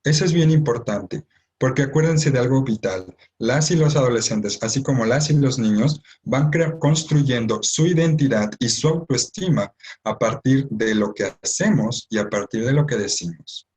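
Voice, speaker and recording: A man with a Mexican accent speaks to parents in a relaxed, conversational way. He often pauses to check that his listeners follow along. His voice sits at an ordinary middle pitch. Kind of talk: informal educational talk to parents.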